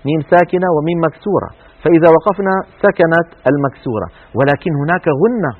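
A man gives a televised lesson on Quran recitation, explaining the rules rapidly in a fairly high voice. He breaks off to recite example words slowly and drawn out. The audio is thin and tinny, like a phone line. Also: expressive.

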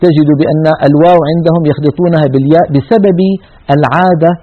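A man's voice: on the high side, fairly even intonation, quick pace. A man teaching Quran recitation in an earnest tajweed lesson, demonstrating each sound. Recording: tinny narrow-band radio sound.

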